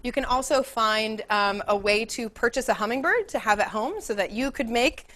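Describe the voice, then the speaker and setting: A woman's voice: fairly high pitch, animated, normal speed, a bit bright. A young adult woman hosting a live online class in an upbeat, chatty way, laughing often. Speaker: webinar host and educator.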